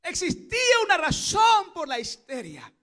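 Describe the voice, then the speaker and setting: Male pastor, unusually high and bright tone, preaches with passion and frequent shouted peaks. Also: huge pitch swings, a little slow. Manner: impassioned, rising to shouted exclamations. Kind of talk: Pentecostal sermon. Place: church service.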